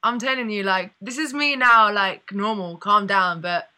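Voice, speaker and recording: A woman's voice: mid-range voice, normal speed, bright, forceful tone. A woman hosting a casual radio interview, bubbly and laughing often. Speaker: radio host.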